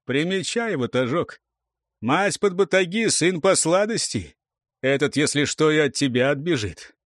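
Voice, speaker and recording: A man's voice: a little high, lively intonation, a little slow, dry recording, clean studio sound. A man reading the part of a stern old warrior who scolds and interrogates youngsters in an audiobook. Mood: scolding. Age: older. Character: stern old male warrior, sharp-tongued. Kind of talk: audiobook character voice.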